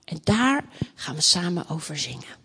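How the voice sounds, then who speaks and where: Woman, children's storyteller, sing-song, very lively pitch, long church-hall reverb. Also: normal speed, gravelly, breathy edge. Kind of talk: rhyming storybook reading.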